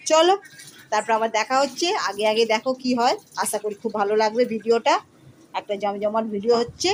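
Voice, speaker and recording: A middle-aged woman with a fairly high voice chats away in a casual home vlog. She talks to her viewers as friends while she works in her kitchen. A phone mic picks her up with faint noise behind. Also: normal speed. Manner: chatty, addresses viewers as friends. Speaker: vlogger. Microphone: phone camera.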